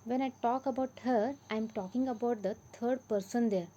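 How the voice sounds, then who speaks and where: A woman's voice: a little high, normal speed, dark tone, highs cut off, a little hiss or hum. Indian woman teacher explaining grammar. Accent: Indian English. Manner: repeats and explains examples patiently, stresses key words. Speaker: English teacher. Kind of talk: classroom grammar lesson.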